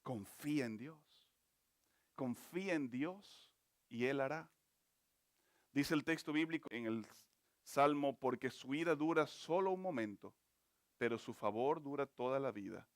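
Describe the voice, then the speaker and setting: A man preaching a sermon as a pastor, swinging between forceful emphasis and hushed, slow phrases. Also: medium pitch, animated, no echo, clean studio sound.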